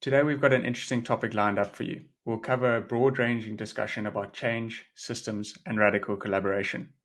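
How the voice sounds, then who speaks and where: Male host, lowish monotone voice, steady measured welcome. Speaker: podcast host. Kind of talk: podcast hosting.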